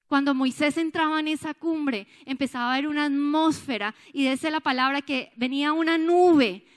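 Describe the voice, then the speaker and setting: A Colombian woman pastor in her thirties preaching in a church. She tells a personal story earnestly, repeats phrases and asks the congregation questions. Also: high-pitched. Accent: Colombian Spanish. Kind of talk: sermon.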